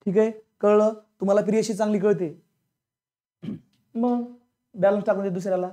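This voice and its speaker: In a classroom full of students, a blunt male teacher delivers a grammar lecture, drilling them over and over with repeated questions. His voice sits high and dark, with a steady tone and a moderate pace. He comes across as colloquial, blunt and scolding.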